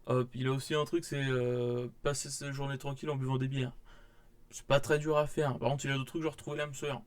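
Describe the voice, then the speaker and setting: A man's voice: medium pitch, flat delivery, a little fast, smooth. A young man, casually rambling through a manga haul vlog with many fillers and restarts. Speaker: manga vlogger.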